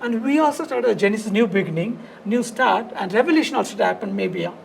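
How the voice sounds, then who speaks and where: Gravelly South Indian man in conversation. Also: sits high, lively intonation, fast, a little hiss or hum, poor audio. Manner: fragmented, loosely structured phrasing with repetition. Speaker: dance studio founder and teacher, podcast guest. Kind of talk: conversational interview storytelling.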